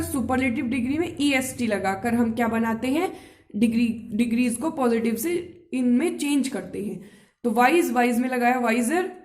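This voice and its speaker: A woman teaching a grammar class in a fairly high voice. She explains step by step, poses rhetorical questions and keeps checking that the point is clear. The room around her adds a noticeable echo.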